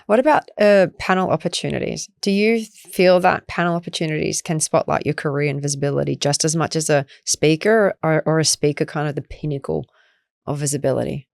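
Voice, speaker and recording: Podcast host, curious questioner, mid-pitched voice, dry close mic. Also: steady tone, creaky, no echo. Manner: curious, quick follow-up questions. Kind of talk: interview conversation.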